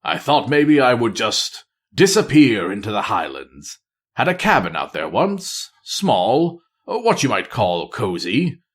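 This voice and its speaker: A man's voice: huge pitch swings, slow pace, husky, full character voice. Man reading as a weary, wry spy master. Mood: wistful. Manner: low, quiet, wry murmur. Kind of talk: audiobook-style character reading.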